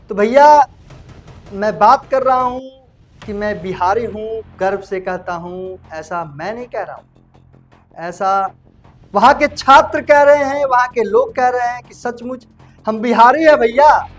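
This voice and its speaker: A man hosting a casual online news report, talking chummily to viewers and calling them brother. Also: extremely high pitch. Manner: chatty, addresses viewers as brother. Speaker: news anchor.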